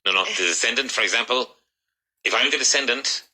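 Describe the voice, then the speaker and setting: A man from Ireland running an English class, drilling students and correcting them in a brisk, encouraging way. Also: medium pitch, sharp tone, breathy edge, poor audio. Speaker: English teacher.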